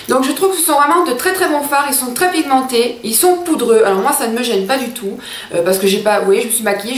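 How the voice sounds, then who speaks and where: This beauty vlogger, a woman in her thirties, chats excitedly about makeup to camera from a small room in her home, greeting viewers as girls in a casual review. Her voice is a little high, the room echoes, and faint background noise can be heard.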